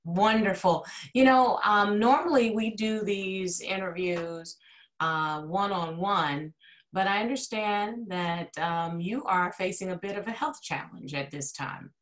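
A woman's voice: medium pitch, measured pace. A woman hosting an interview over a video call, polished and gracious, asking questions with emphasis. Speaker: talk show host, interviewer.

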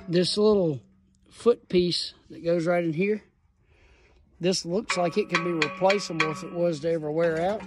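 A man giving an enthusiastic, folksy tool review, filmed on a handheld phone outdoors and in a garage. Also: high voice. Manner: enthusiastic, folksy, rambling explanations. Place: outdoors in a gravel yard, then a garage. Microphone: phone camera held in hand.

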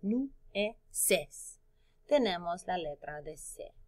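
Slow, lively female phonics teacher. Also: lowish voice. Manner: slow and drawn out, sings out syllables and sound cues. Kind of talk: phonics lesson for young children.

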